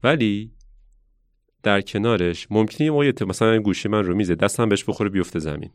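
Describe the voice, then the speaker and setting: A man who works as a science educator, telling stories in a relaxed conversational way and thinking aloud as he reflects. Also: fairly low pitch, no room sound, clean studio sound. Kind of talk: casual conversational storytelling.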